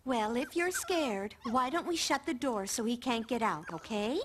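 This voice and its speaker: A woman voicing a patient cartoon grandmother who gently coaxes and reassures a frightened child. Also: on the high side, expressive, moderate pace, lightly acted. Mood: reassuring. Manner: soothing, coaxing, reassuring. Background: music.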